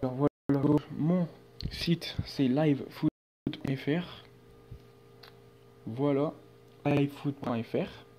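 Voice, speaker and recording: Mellow-voiced man rambling about football. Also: a little high, slow pace, pauses often. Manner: rambling, many restarts and filler words. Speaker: football channel vlogger. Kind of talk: casual rambling commentary. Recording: dull lo-fi sound with faint hum.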